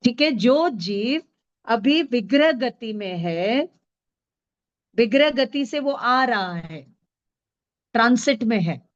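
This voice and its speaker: A woman leads a scripture class in a slightly high voice, speaking very slowly as she dictates terms for her students to write down. She mixes English words into her explanation. The recording sounds dull and lo-fi. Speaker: teacher.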